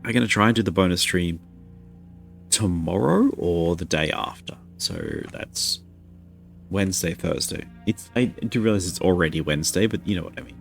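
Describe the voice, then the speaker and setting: A man's voice: low-pitched, moderate pace, gravelly, soft background music. A man streaming a video game live, chatting casually and rambling to his viewers. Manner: rambling, chatty, self-deprecating.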